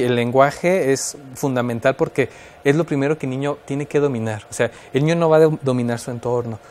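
A mid-range, darkish male voice with a Mexican Spanish accent explains child development as an expert on a radio show, with slight background noise. His explanation is thoughtful but punctuated by fillers and restarts.

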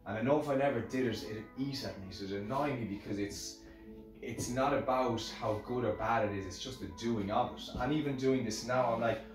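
Talking fairly quickly in a medium-pitched voice, a middle-aged Irishman who makes musical instruments passes on lessons learnt in a casual, rambling motivational piece to camera, repeating phrases for emphasis. He's in an indoor workshop with hard surfaces, recorded from a camera a few metres away, so it's very echoey, with music.

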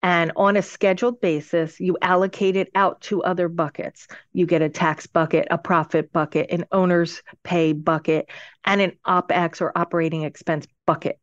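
Here a business adviser appears as a guest on a podcast, her lowish voice holding a steady tone at normal speed. She walks through her points one at a time, chatty but forceful, over dull lo-fi sound without echo.

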